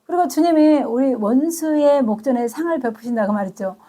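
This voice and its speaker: A woman pastor preaching a sermon with emotional storytelling, who reads English Bible verses slowly and explains them in Korean. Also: sits high, dark tone. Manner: emotional, storytelling delivery with gasps.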